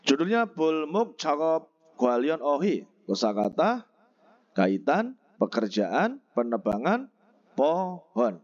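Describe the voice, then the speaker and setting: A man teaching a textbook vocabulary lesson, slowly explaining and repeating each word and its pronunciation. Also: a little high, very animated, a little mellow, highs cut off. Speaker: Korean language teacher.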